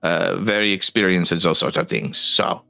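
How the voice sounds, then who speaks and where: A man voicing a fussy, warm guild leader who rambles with many hesitations and folksy turns of phrase. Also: sits low, fairly even intonation, normal speed, vocal fry, soft background music, exaggerated voice. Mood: reassuring.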